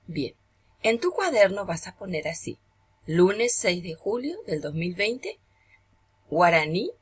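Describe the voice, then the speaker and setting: A woman teacher giving a remote lesson to children, gentle and patient, saying each term slowly. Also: fairly low pitch, slightly rough.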